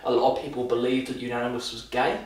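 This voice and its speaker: A young man with a mid-range, slightly mellow voice talks fast in a level tone while shaving for a casual vlog. He rambles through a loose film review full of restarts and dry sarcasm. The mic sits far off in an echoey room.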